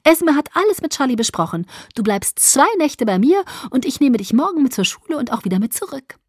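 A woman's voice: sits high, big pitch swings, fairly quick, a little mellow, no room sound, clean studio sound, voice pushed up. A woman voicing a bubbly, cheerful teenage vampire girl in an audiobook, with a sing-song, chirpy delivery. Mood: gleeful. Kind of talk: audiobook character voice.

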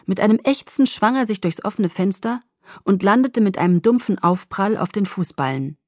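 A woman reading a novel aloud in the first person, in a soft, hushed and intimate way. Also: mid-range voice, lively intonation, normal speed, no room sound, studio quality. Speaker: audiobook reader.

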